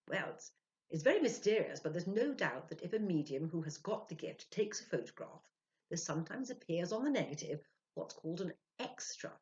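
An older woman storyteller reads a storybook, voicing an earnest, self-important male medium who swings emphatically and keeps justifying himself, sounding eager. Her lowish voice is pushed up yet near her everyday tone, fairly quick, on a slightly dull home recording.

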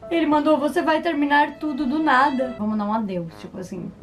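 A young woman hosting a casual vlog, talking in an excitable, dramatic way with nervous laughs. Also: sits high, brisk. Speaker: YouTuber host.

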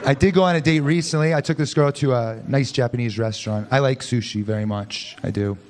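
A man in his thirties doing a dry, deadpan stand-up set on a club stage, speaking into a handheld mic. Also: mid-range voice, a little fast. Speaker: stand-up comedian. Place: comedy club stage before a live audience. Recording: loud club crowd and noise. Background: loud audience laughter.

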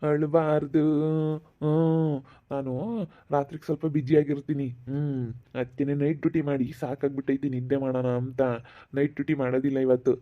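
A man's voice: mid-range voice, lo-fi sound, lightly acted. A man playing a singsong boastful village thief. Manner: singsong, coaxing, drawn-out. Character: boastful male night thief in fields. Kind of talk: village skit acting.

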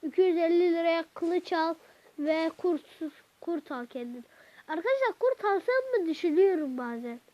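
A woman hosting a gaming channel, chatting to her viewers while she plays, with sudden excited outbursts at the game. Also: very high voice, moderate pace, no room sound. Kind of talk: let's-play gameplay commentary. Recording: dull lo-fi recording.

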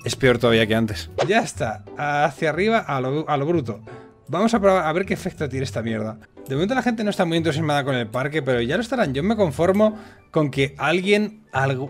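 A man giving profane, excitable let's-play commentary, often bursting into loud laughter. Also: a little high. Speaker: gaming youtuber.

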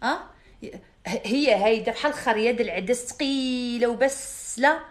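A woman's voice: fairly high pitch, moderate pace. A young woman with a Moroccan Arabic accent, hosting a live stream in a brash, mocking and boastful way. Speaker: live-stream host selling products.

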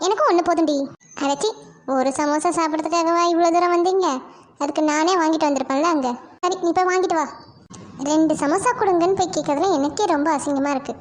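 High, quick young cartoon heroine, voiced by a woman. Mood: chatty. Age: young adult. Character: dreamy young college woman, earnest. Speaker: lead character. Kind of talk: cartoon voice acting.

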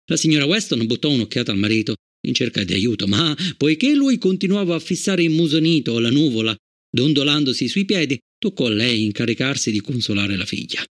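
Un uomo che legge un audiolibro di racconti e dà voce a tutti i personaggi. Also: male voice, medium pitch, very animated, brisk. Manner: acts out every character. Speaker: audiobook narrator. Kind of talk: expressive audiobook reading.

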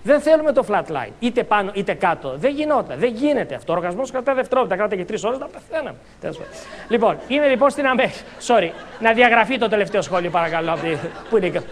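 A man's voice: high-pitched, very animated, a faint crowd, slight background noise. A man with a Greek accent giving a motivational seminar talk as a coach, joking and acting out little scenes. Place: conference hall.

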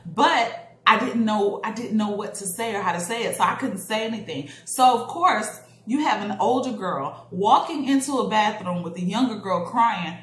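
A woman's voice: medium pitch, normal speed. A woman in her thirties, a parent, telling a personal story in a casual vlog and acting out the people in it. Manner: animated, acting out quoted voices with laughs. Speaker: parent vlogger. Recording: echoey room, faint background noise.

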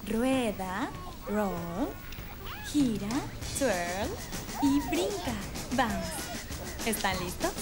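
A woman leading a children's music class, singing and talking in a slow sing-song way for small children. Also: medium pitch, lively intonation. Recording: music playing behind.

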